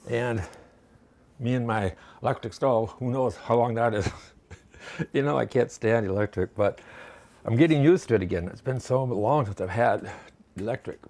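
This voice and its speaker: A man's voice: medium pitch, normal speed, pauses often, darkish tone. A man casually demonstrating a recipe in his home kitchen, chatty and folksy, rambling between steps. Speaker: home cooking vlogger.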